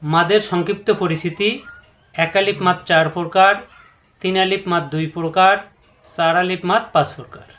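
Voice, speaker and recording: A man's voice: high-pitched, fairly even intonation, normal speed, fairly bright tone. A man teaching a Quran recitation lesson, patiently repeating rules and drawing out syllables to demonstrate them. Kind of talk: step-by-step tajweed lesson.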